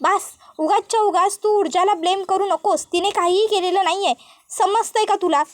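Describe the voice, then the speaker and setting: A woman's voice: extremely high pitch, normal speed, no echo, clean studio sound. A woman voicing an exasperated young husband pleading with his mother.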